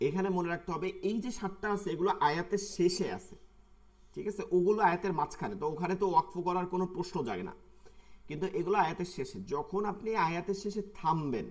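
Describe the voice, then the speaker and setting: A man, teaching an online tajweed class and patiently repeating words slowly to show their pronunciation. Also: high-pitched, expressive. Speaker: Quran recitation teacher.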